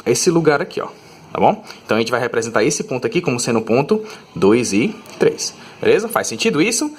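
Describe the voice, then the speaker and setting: Male math teacher, mid-pitched, patient explainer who peppers the lesson with quick check-in questions. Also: breathy edge. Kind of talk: recorded classroom lesson.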